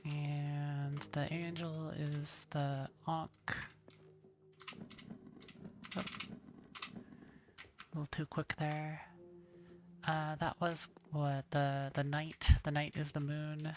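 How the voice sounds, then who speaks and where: A woman's voice: sits low, level tone, takes it slowly, long pauses, dull audio, noisy background. A woman streamer giving casual, wry, self-deprecating commentary while playing a game. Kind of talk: casual let's-play commentary.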